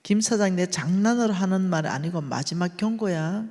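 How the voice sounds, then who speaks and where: A woman voicing a mock-polite male loan shark gangster, speaking low, slow and threatening. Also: darkish tone, big-room sound, lightly acted. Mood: menacing.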